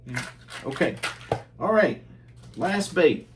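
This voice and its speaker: A man hosting his fishing channel, casually reviewing baits at home in a relaxed, chatty way with lots of ums and uhs. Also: on the high side, takes it slowly, noisy background.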